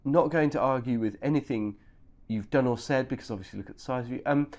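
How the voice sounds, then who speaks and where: A man's voice: mid-range voice, quick pace, darkish tone, lightly acted. A man playing an overpolite casting director who gives fussy, hesitant notes.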